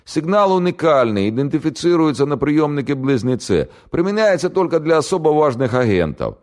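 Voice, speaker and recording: A man's voice: fairly high pitch, very animated, brisk, a little mellow, voice pushed up. A man voicing a frightened young male enemy radio operator who pleads in southern rural speech.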